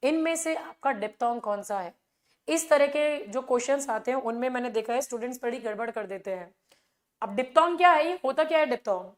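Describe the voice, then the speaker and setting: Indian woman teacher, high voice, quizzes the class with rhetorical questions and keeps repeating filler phrases. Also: brisk. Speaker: English teacher. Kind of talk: exam revision class.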